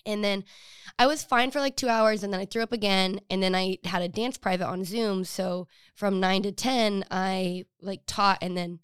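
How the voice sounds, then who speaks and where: A woman's voice: medium pitch, steady tone, normal speed, clear, resonant tone, dry recording, studio quality. A young woman hosting a podcast, chatting casually and rambling through a story with fillers and asides. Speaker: podcast host. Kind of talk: casual chat.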